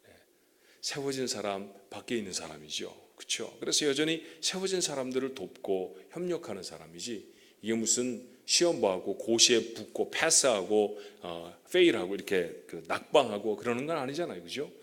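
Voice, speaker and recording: A man's voice: fairly low pitch, very animated, moderate pace. A male pastor preaching a sermon in a church, chatting with the congregation and checking in with them often; he says he stutters. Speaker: guest pastor. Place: church sanctuary.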